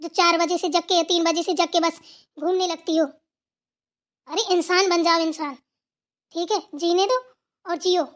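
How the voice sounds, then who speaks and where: A woman's voice: very high voice, steady tone, unhurried, pauses often. Whiny lazy young daughter-in-law, voiced by a woman. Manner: whiny, defiant. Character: lazy spoiled young daughter-in-law who refuses to get up.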